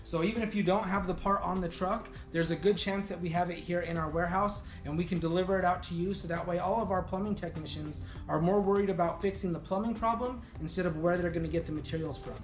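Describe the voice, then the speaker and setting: Man in his thirties, fairly high voice, relaxed walking tour, echoey indoor rooms, voice a bit off-mic, faint music underneath. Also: quick pace, hardly any pauses, recorded from a distance. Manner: relaxed, conversational, frequent fillers. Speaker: company representative giving a shop tour. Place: indoor warehouse and offices. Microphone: camera following him, mic at a distance.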